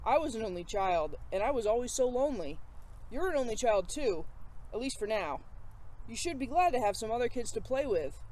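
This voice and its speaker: A woman voicing a gentle but firm mother who coaxes and reasons, in a storybook reading. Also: fairly high pitch, sing-song, fairly quick, rough recording. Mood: patient, firm.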